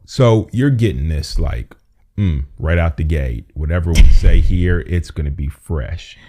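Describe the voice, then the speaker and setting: A podcast co-host with a dark bass voice talks in a casual chat at a measured pace, his intonation lively. He rambles as he thinks aloud, often restarting sentences and repeating himself.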